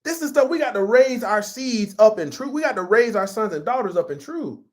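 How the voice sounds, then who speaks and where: A man's voice: sits high, animated, brisk. A man preaching a sermon in an emphatic, conversational style and repeating himself for force. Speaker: pastor.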